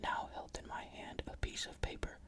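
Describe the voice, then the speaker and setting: A narrator reading a ghost story in a breathy, unvoiced whisper, with measured, careful literary phrasing. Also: fairly bright tone.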